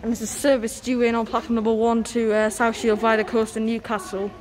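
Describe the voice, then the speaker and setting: High-voiced young North East English woman, mask-muffled. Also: little pitch movement, fairly quick. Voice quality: slightly muffled by a face mask. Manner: announces train numbers and destinations. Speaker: host of a train-spotting vlog. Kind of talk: casual running commentary. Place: outdoors on a railway station platform. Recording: noisy outdoor station with vehicle noise.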